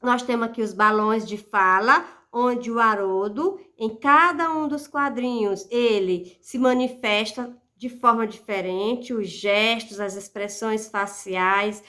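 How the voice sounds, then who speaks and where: A woman's voice: a little high, slow pace, few pauses, sharp tone. A woman teacher giving a lesson, speaking patiently and stretching out syllables as she sounds out words. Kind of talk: recorded classroom lesson.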